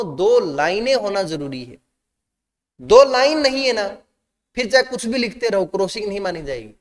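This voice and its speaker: Guy teaching class, high voice, echo hanging in the room. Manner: questions the class, mixes Hindi and English. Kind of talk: classroom lecture.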